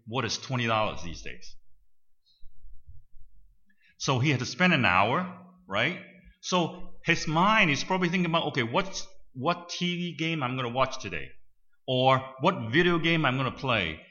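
A man's voice: medium pitch, bright, forceful tone, highs cut off. An older man telling a story to an audience in a conversational way, often checking in with "right?". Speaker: speaker addressing an audience. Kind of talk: storytelling talk.

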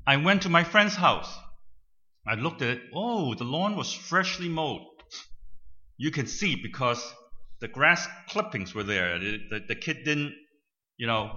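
A man's voice: mid-range voice, pushed and bright, muffled recording. An older man telling a story to an audience in a conversational way, often checking in with "right?". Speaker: speaker addressing an audience. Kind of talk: storytelling talk.

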